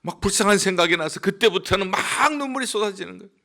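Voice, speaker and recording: A male pastor preaching a sermon, telling a story with lively rises and drops in his voice. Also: fast. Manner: animated storytelling with dramatic rises in pitch and volume.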